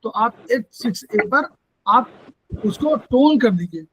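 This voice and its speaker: Husky high-voiced man teaching acupressure. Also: animated, slow, a bit bright, poor audio. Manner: corrects firmly, gives point directions. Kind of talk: instructive explanation.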